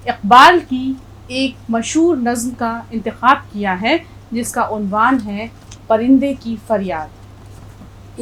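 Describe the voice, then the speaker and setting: Woman, middle-aged, language teacher, unhurried, careful, spells out letters, faint background hiss. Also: a little high, fairly bright tone, low-quality recording. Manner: patient, spells out letters and stresses correct pronunciation. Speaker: Urdu teacher. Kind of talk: language lesson.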